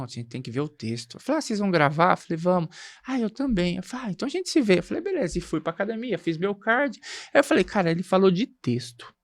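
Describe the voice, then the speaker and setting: A man's voice: sits high, gravelly, dry recording. A man from Brazil, a nursing technician and actor, telling a story in casual chat and acting out the dialogue as he goes. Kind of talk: animated anecdote in casual chat.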